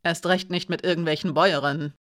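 A woman reading a proud, prickly young female servant with a sharp, indignant manner in an audiobook. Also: low-pitched, steady tone, quick pace. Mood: snappish.

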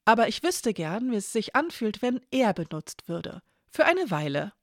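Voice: mid-range voice, sing-song, moderate pace, no echo, clean studio sound, voice pushed up. A narrator voicing Annika, a young woman who speaks earnestly and directly, with a raised voice.

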